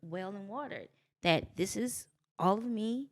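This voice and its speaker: Lively woman telling her story. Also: a little slow. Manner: animated storytelling, jumps into high voices for quotes. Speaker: guest. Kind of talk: casual podcast conversation.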